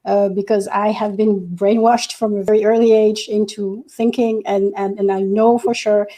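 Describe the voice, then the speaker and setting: Flat, mellow-voiced activist woman. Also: mid-range voice. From Senegal. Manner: earnest, measured, many hesitations. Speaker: activist guest. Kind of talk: panel discussion.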